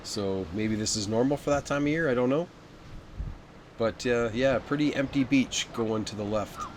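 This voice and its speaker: A travel vlogger narrates as he walks, chatting informally in a medium-pitched voice at a moderate pace. The outdoor recording is noisy, full of ambient sound.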